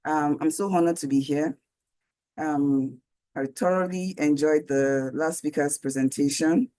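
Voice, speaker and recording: A woman giving an online training presentation over a video call. Her voice is going hoarse, and she talks conversationally, with many fillers and rhetorical questions. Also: deep voice, measured pace, mellow. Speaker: guest speaker.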